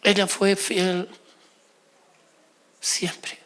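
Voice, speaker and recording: A middle-aged man preaching an emotional sermon as pastor, swinging between loud exclamations and soft confessional tones. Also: sits high, completely flat delivery, very slow.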